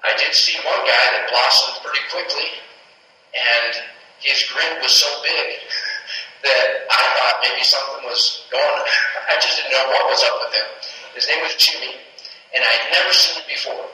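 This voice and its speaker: A man's voice: medium pitch, steady tone, normal speed, sharp tone, far from the mic. A man who volunteers in a prison ministry gives a chatty personal testimony, with fillers and chuckles. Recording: echoey room, voice from off-mic.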